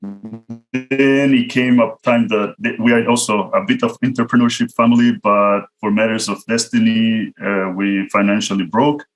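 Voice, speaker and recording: The poor-quality audio captures a guest speaker at an online virtual event, a product manager from El Salvador with a Central American Spanish accent. In a fairly low, steady voice at a moderate pace, he tells his career story conversationally and speaks directly to listeners.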